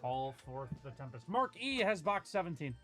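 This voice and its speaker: A man's voice: a little high, big pitch swings, normal speed, a bit bright. A man hosting a live card-opening stream, announcing each pull with upbeat, brief remarks. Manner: upbeat, announcing pulls and names. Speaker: card break host opening packs. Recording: faint music behind.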